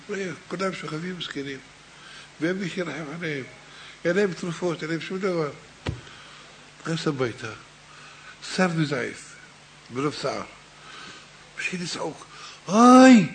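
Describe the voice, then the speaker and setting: A man giving a Torah sermon in a slightly high voice, retelling a parable with animated swings between quiet and forceful passages. He speaks straight to his congregation with fervent conviction. A faint noise sits under the recording. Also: long pauses. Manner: animated storyteller, swings between hushed and raised delivery; addresses listeners directly and fervently. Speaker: preacher.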